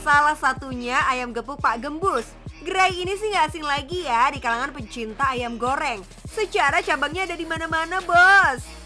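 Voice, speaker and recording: High-voiced and sharp in tone, a woman speaks at normal speed as she narrates a scripted TV magazine segment playfully and chattily, addressing viewers as "boss." Background music plays beneath her voice.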